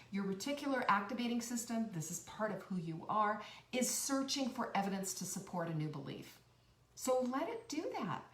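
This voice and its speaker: An earnest woman giving an uplifting pep talk, with a preachy, repetitive cadence that jumps from high, bright bursts down to hushed near-whispers. She sounds a little away from the mic, in a room with plenty of echo. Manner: earnest and encouraging, preachy cadence with repeated phrases; animated, swinging between high bursts and soft near-whispers. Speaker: host of a cooking and life-tips channel. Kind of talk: motivational talk to camera. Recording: roomy echo, a bit far from the mic.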